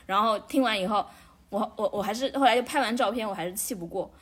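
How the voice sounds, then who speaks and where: A woman's voice: medium pitch, fast talker, fairly bright tone, husky. A woman telling a long story in casual chat, rambling with many restarts.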